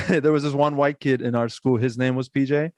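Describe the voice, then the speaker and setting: A man's voice: mid-range voice, fairly even intonation, normal speed, darkish tone, no echo. A young man from Iran hosting a podcast, chatty and upbeat, laughing often in casual talk. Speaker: podcast host.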